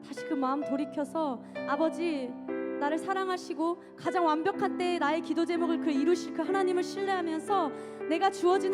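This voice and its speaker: A woman leading fervent prayer between sung worship lines, with music playing underneath. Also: high-pitched. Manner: fervent, rising from soft murmured prayer to loud sung pleading. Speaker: worship leader. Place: church sanctuary.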